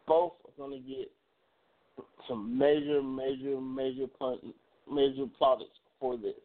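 A man's voice: mid-range voice, steady tone, unhurried. A male sports talk radio host chatting casually about the fights and college football, rambling and repeating words. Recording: phone-like narrow band.

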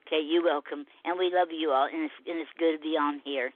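A woman's voice: deep voice, fairly even intonation, quick pace. A woman calling in to a live show over the phone, listing where to find her work with many hesitant fillers and restarts. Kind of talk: casual chat. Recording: tinny dry phone line.

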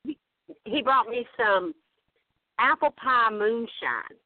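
A woman's voice: fairly high pitch, slow pace, no echo. A woman with a Southern US accent chatting casually as a radio guest, in a folksy, storytelling way. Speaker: returning talk show guest. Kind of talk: casual chat. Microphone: phone. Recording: dry, narrow phone-line sound.

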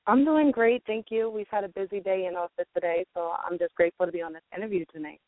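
A woman's voice: mid-range voice, steady tone, fast, dry recording. A woman comes through a narrow, phone-like line that sounds dry and close. She is a marketing guest on a radio interview. She talks in a loose, chatty way, with frequent ums. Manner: chatty, with many ums and fillers. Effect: heard over a phone line. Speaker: guest from a music platform's marketing team.

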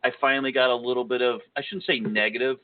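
This podcast host keeps things casual, cracking jokes at his own expense. His medium-pitched voice stays fairly even and quick, and the audio sounds tinny, like a phone.

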